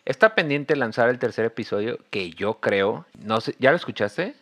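A man's voice: medium pitch, animated, normal speed, a bit bright, dry recording. A man in his thirties with a Mexican accent, talking frankly and easily as a podcast co-host over a remote call. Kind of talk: casual chat.

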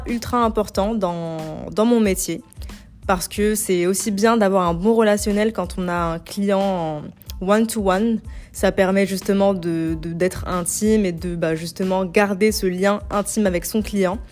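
Here the Algerian podcast host, who is also an image consultant, sounds medium-pitched and a bit mellow. She's young and keeps her self-help show casual, using informal youthful slang and dropping in English loanwords.

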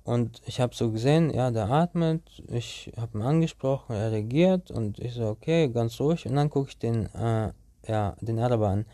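A man's voice: medium pitch, normal speed, warm tone, no echo, clean studio sound. A young man telling a story to his viewers in a casual, rambling way, full of slang and restarts.

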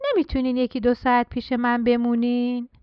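A woman's voice: on the high side, completely flat delivery, smooth, dry recording, highs cut off, close to an everyday voice. A woman voicing a showy, sociable turkey in a children's storybook reading. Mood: earnest.

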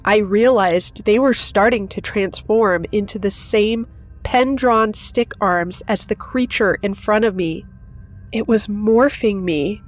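A woman hosting a horror story channel, narrating in a steady, measured storytelling voice. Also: medium pitch.

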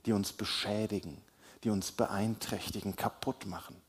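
A man preaching a sermon in a slow, deliberate way, with emphatic rises and soft, quiet drops. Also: on the low side, steady tone, breathy edge.

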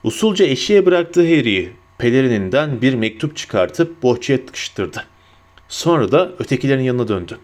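Expressive man reading a storybook aloud. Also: mid-range voice. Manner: expressive storytelling, slows for emphasis. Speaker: narrator. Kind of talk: audiobook narration.

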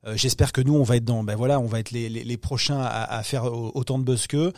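Guy in a podcast interview, lots of ums and restarts, mid pitch, dry sound. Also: fairly even intonation, quick pace, darkish tone, no echo. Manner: hesitant, many fillers and restarts. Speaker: film distribution executive.

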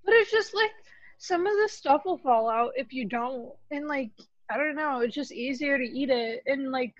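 Young woman teasing her cohost, really high voice, kinda muffled dry sound. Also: normal speed, no room sound. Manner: teasing, giggly. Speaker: podcast co-host. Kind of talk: casual chat.

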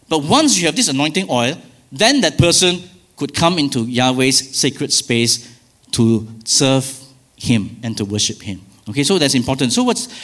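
A man's voice: on the high side, a bit bright. A male pastor preaching a sermon, emphatic, with rhetorical questions and asides.

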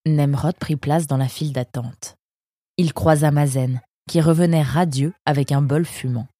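Low husky woman narrating a story. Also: dry recording. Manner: calm, measured reading. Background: soft guitar music.

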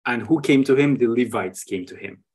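A man's voice: mid-range voice, a little fast, a little mellow, husky. A man, the guest on a talk show, explains what he found on his travels, often ending points with a tag question and restarting his phrases. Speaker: guest sharing travel photos. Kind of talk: conversational explanation.

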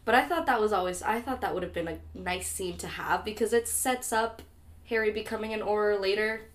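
Young woman cohosting a podcast, lively and chatty, mid pitch, swears and laughs a lot. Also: fairly quick. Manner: animated, swears casually, laughs often. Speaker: podcast co-host. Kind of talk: casual podcast chat.

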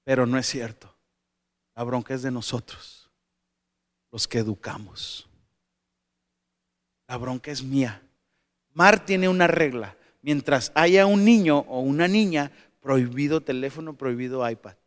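A man giving a motivational talk to parents, animated and asking the audience questions, with asides and jokes. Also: medium pitch, a little slow, long pauses. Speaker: speaker addressing parents.

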